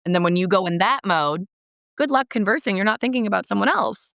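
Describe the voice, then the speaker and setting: A woman's voice: mid-range voice, lively intonation, a little fast, vocal fry, fairly bright tone, dry recording, studio quality. Reflective young woman podcast co-host. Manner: reflective, thinks aloud in long winding sentences. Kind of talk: casual podcast chat.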